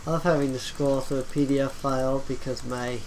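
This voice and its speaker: A woman narrating a tabletop game as game master, hesitant, with many pauses. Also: very deep voice, steady tone, a little mellow. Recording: noisy home recording.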